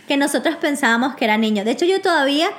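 A young woman with a fairly high voice chats casually. She talks eagerly, restarting sentences and mixing in English words. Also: lively intonation, rapid-fire. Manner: chatty, restarts often, mixes in English words. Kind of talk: casual chat.

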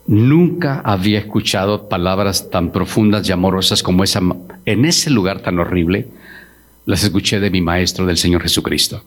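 A middle-aged man, a pastor giving a solemn testimony in a church, slowing down to quote words with emotion. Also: low-pitched. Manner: slow, solemn, quoting Jesus with emotion. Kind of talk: testimony sermon.

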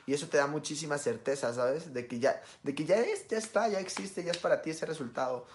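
A young Mexican man with a Mexican Spanish accent giving a casual motivational talk, talking fast and often checking in with the listener. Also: on the high side. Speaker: self-help speaker.

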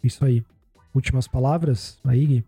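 A man's voice: medium pitch, fairly even intonation, normal speed, dark tone, breathy edge, no room sound, soft background music. A man with a Brazilian Portuguese accent hosting a podcast in a casual, chatty style. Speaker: podcast host.

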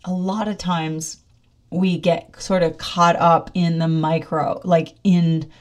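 A woman's voice: fairly low pitch, flat delivery, slow pace. A middle-aged woman talking casually in a monologue, upbeat and chatty, often laughing as she speaks.

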